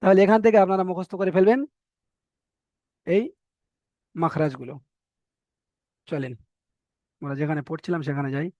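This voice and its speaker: A male Quran teacher in an online lesson, patiently explaining pronunciation and repeating each sound slowly. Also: on the high side, animated, darkish tone, dry recording, lo-fi sound.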